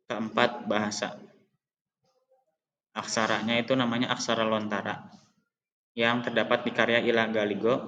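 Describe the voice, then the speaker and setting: A man's voice: on the low side, fairly bright tone, highs cut off, slight background noise. A teenage boy reading a school presentation from his notes, with small slips and restarts along the way. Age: teens. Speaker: student presenter.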